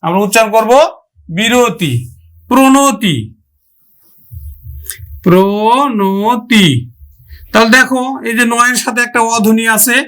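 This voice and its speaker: A man's voice: very high voice, quick pace, hardly any pauses, pushed and bright. A male teacher giving a grammar lesson, addressing students with questions and sounding out example words syllable by syllable.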